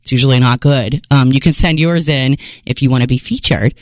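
A man hosting a rock radio show, joking and riffing in quick, hyped banter from a studio mic. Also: mid-range voice, no room sound. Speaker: radio host. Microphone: studio microphone.

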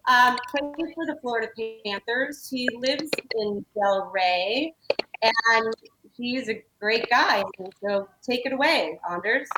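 A woman's voice: on the high side, animated, slow, over music. A woman introducing a guest in a casual interview, talking eagerly. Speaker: foundation co-founder. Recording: echoey room with background noise.

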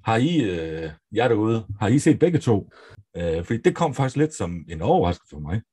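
A Danish man co-hosting a casual podcast, upbeat and quick to egg on his co-host. His voice is low and a bit husky, and his pitch swings widely as he talks. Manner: upbeat, lively, laughs easily, eggs on his co-host.

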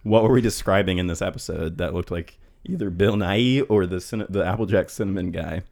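A man's voice: deep voice, fairly quick, vocal fry, darkish tone. A man hosting a casual podcast, reading out old quotes from the show and laughing often. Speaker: podcast host running a quote quiz. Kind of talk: casual chat.

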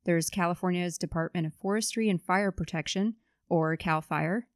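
A woman hosting a podcast, reading a scripted introduction in a clear, measured way and asking interview questions. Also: on the low side, no room sound, studio quality. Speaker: podcast host and editor.

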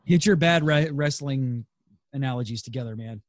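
A man co-hosting a podcast in casual chat, excitable and swearing, laughing often. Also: mid-range voice, normal speed, no echo, studio quality. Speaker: podcast co-host.

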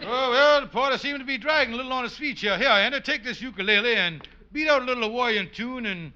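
A man's voice: very high voice, quick pace, pushed and bright, exaggerated voice. An actor playing a scheming, blustering, bumbling man in an old-time radio comedy, with folksy, exclaiming talk. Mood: jovial, sly. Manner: exclaiming, muttering to himself, folksy ungrammatical talk. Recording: noisy, muffled old radio recording.

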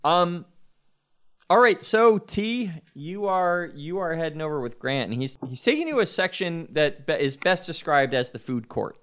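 Smooth-voiced man running a tabletop game. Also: fairly high pitch, animated, a bit bright. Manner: halting, loose, many fillers and restarts. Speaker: game master.

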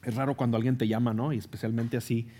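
A Mexican pastor preaching in a relaxed, conversational way, checking in with his listeners as he goes. His voice sits at an ordinary middle pitch for a man. He turns earnest and pleading when he calls people to faith. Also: quick pace. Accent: Mexican Spanish. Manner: conversational, tags lines with ¿no? and ¿verdad?; earnest, pleading altar call. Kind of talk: sermon with personal story.

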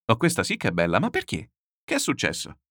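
A baffled, indignant gentleman voiced by a man protests in startled questions. His voice jumps upward with surprise. It is a dry storybook recording. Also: lowish voice, wildly swooping pitch, fast talker, no echo, full character voice.

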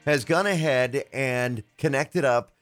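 A man's voice: mid-range voice, takes it slowly, fairly bright tone, faint music behind. A man hosting a tech radio show in casual chat, joking and laughing easily.

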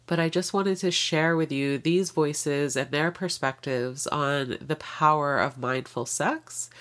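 Woman podcast host, low voice, nasal and stuffed up from a cold, chatty and upbeat. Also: slow, fairly bright tone. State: congested with a cold. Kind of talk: casual podcast intro.

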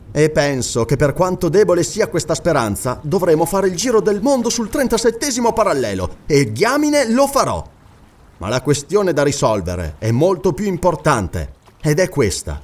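A man reading the part of a determined nobleman who earnestly addresses his companions in a storybook. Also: fairly high pitch. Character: determined male nobleman leading an expedition.

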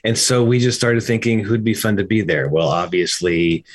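A man being interviewed about creative work, recalling it casually in a halting, thoughtful way. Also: lowish voice.

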